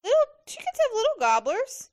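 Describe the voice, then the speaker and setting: High-voiced, expressive woman. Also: a little fast. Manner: gushing, expressive. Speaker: movie reaction commentator. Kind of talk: casual film-watching chat.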